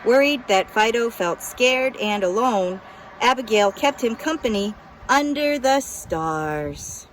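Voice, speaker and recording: A woman's voice: on the high side, expressive, slow, a little hiss or hum. A woman narrating a children's picture book as a scripted story reading.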